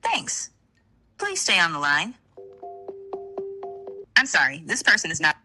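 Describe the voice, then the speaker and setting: A woman's automated recorded phone prompt with even, scripted delivery, heard over a phone line. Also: fairly low pitch, unhurried, faint music behind.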